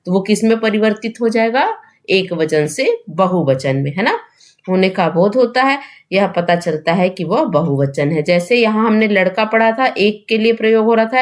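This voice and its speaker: A woman teaching an exam-prep grammar lesson at an ordinary, mid-range pitch. She explains each rule step by step, posing questions to her students and answering them herself, and often checks in with a quick tag question.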